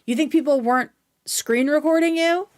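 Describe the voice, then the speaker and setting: Reacting to clips on her livestream, a high-pitched American woman talks at normal speed. She's conversational, casual, and opinionated, with blunt and sweary remarks.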